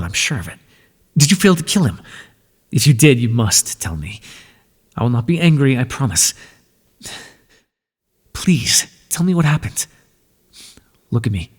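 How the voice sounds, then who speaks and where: In an ASMR roleplay, a man plays an ancient underworld god, speaking softly, breathily and deliberately as he tenderly reassures the listener. His medium-pitched voice sounds worried and coaxing, set in a large hall.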